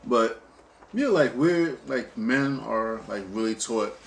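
A man co-hosting a casual couple's chat while eating, talking haltingly with frequent restarts. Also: medium pitch, expressive, gravelly. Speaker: co-host.

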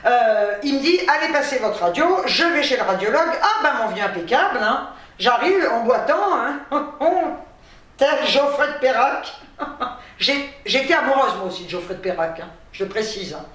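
Tired, chatty woman vlogger, high-pitched, exasperated asides, recorded in a booming room. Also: expressive, normal speed, a bit bright, distant mic. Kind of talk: casual storytelling to camera. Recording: very echoey room, off-mic.

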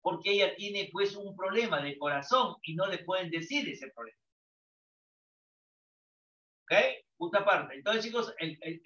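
Teaching psychology to students, an older man from Peru poses his own questions and answers them. His high-sitting voice comes across as bright and pushed. The sound is lo-fi, dull, distant and full of echo.

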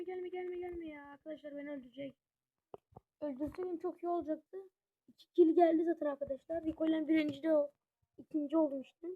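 Very high-pitched chatty gamer. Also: phone-quality sound. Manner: chatty, constantly addressing viewers as friends; excitable, reacting out loud to the match. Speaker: gaming YouTuber. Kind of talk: casual gameplay commentary.

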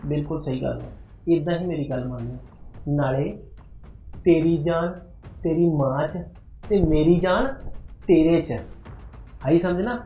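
A man's voice: medium pitch, normal speed, creaky, natural voice. A man playing a controlling husband who gives commands and threatens in a homemade family drama. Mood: menacing. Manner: menacing, commanding. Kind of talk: amateur family drama acting. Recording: dull, roomy recording with faint music.

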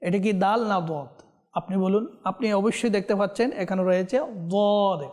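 A man teaching Quran pronunciation on a TV lesson, explaining quickly and then chanting verses slowly and drawn out. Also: sits high, a little mellow, big-room sound.

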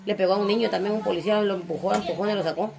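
A woman's voice: mid-range voice, steady tone, rapid-fire, vocal fry. A woman chatting with a friend, asking questions and reacting with sympathy and indignation. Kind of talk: casual chat.

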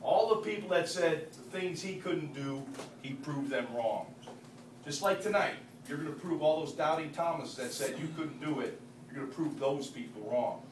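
A man's voice: on the high side, normal speed. Guy hyping up a team with a pep speech, mid voice, echoey room, far from the mic. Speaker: team leader introducing guest speaker. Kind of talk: halftime pep speech, rousing introduction. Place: large indoor team meeting room. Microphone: distant camera across the room. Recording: roomy, distant camera audio, faint noise.

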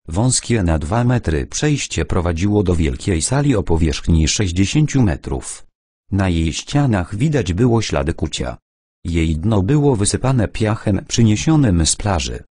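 A man's voice: sits low, very animated, a little slow, dark tone, slightly rough, dry recording, studio quality. A man reading an adventure audiobook aloud, narrating the story and voicing its characters lightly.

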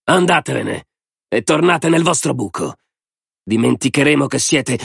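A man voicing a rough, bossy male camp enforcer who barks orders. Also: mid-range voice, lively intonation, measured pace, no echo, clean studio sound, pitched above the performer's own voice, exaggerated voice. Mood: gruff. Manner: barking, shouting orders.

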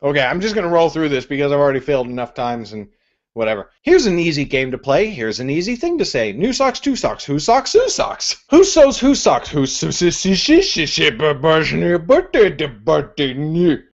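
A slightly dull webcam recording of a young man talking to camera. His voice is fairly high and very lively, and he recites tongue twisters theatrically, breaking off to interrupt himself. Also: moderate pace. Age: young adult. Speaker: vlogger. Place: living room, indoors. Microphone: webcam at desk distance.

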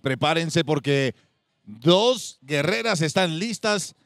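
A man hosting a TV game show, excitable and exclamatory, talking to the viewers at home. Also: fairly high pitch, slow, creaky, no room sound, clean studio sound.

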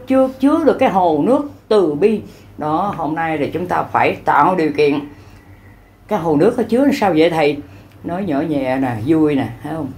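A woman's voice: deep voice, a little mellow. A woman giving an improvised, folksy Buddhist sermon, rambling and colloquial, acting out little dialogues. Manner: rambling, colloquial, with acted-out dialogues and frequent fillers. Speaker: lay Buddhist preacher.

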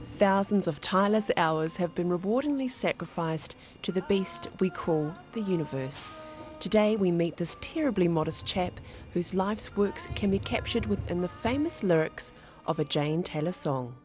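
A woman's voice: lowish voice, lively intonation, moderate pace, a little mellow, faint music behind. A woman narrating a television profile in a polished, playful scripted voice-over. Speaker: programme narrator.

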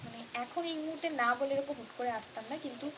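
Hosting a casual live stream, a woman with a fairly high voice reads and answers viewer comments very fast and off the cuff. She keeps circling back over her phrases and mixing in English words, with clear background noise throughout.

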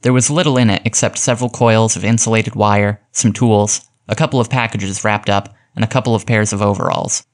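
A man's voice: lowish voice, steady tone, a little fast, hardly any pauses. A man narrating a classic detective short story aloud, reading its dialogue with light acting. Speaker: audiobook narrator. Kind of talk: scripted narration.

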